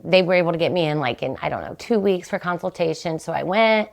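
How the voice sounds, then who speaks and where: This chatty middle-aged podcast host talks fast, rambling casually through a story. Gravelly fry marks her fairly low voice, which springs upward in pitch as she gets excited.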